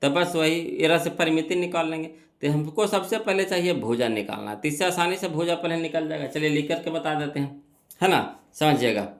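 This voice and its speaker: A young male math teacher with a fairly high voice. He walks through each exam problem step by step, putting questions to himself, answering them, and repeating key phrases. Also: a little fast. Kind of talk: exam-prep math lesson.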